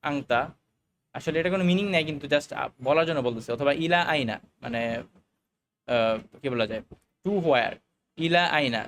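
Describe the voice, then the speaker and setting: A man teaching a recorded Arabic lesson, explaining the grammar slowly, with fillers and English words mixed in. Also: on the high side, a little hiss or hum.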